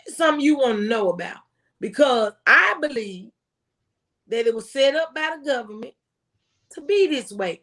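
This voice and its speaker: An American woman, a former tax agent, gives impassioned, conversational tax advice in a slightly high, fairly bright voice. She's folksy and emphatic, repeating phrases for stress.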